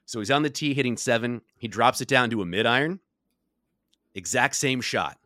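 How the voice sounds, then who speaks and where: A man's voice: mid-range voice, animated, normal speed, sharp tone, no echo, clean studio sound. A young adult man co-hosting a podcast, telling a story in a casual chat with lots of laughs. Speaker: podcast co-host.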